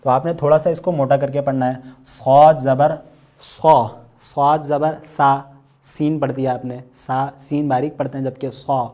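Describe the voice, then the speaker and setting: A man with a Pakistani Urdu accent teaching an online Quran recitation class, patiently explaining and slowly sounding out letters as examples. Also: mid-range voice, little pitch movement, dark tone. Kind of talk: online tajweed lesson.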